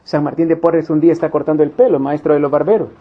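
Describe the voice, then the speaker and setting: Emphatic high-voiced preacher man. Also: steady tone, fast talker. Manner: emphatic, repeats key phrases, acts out little quoted scenes. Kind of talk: Bible study teaching. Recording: dull lo-fi recording.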